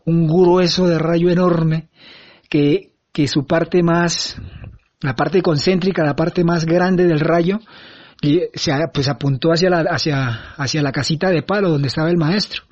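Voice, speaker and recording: Man, slightly high voice, halting earnest eyewitness account, dull lo-fi recording. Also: steady tone, a little mellow. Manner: halting, with frequent restarts and fillers, earnest. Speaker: eyewitness recounting an event. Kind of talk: first-person testimony. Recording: dull lo-fi sound.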